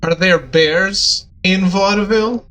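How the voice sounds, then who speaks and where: A man's voice: high-pitched, slow, a bit bright. A man playing a detective game, asking questions in a casual, playful, joking way. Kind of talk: casual gameplay chat.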